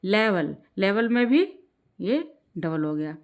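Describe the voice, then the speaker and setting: A woman teaching an exam-prep grammar lesson in Hindi, slowing down when she reads rules aloud and often checking in with "ठीक है". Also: mid-range voice, animated. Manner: explains in Hindi, slows down to read English rules aloud; repeats "ठीक है" to check in with learners.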